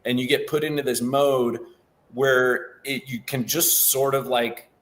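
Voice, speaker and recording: A man's voice: medium pitch, a little slow. Rambling man talking about drawing. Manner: rambling, filler-heavy, animated. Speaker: cartoonist and writer. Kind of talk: casual group discussion.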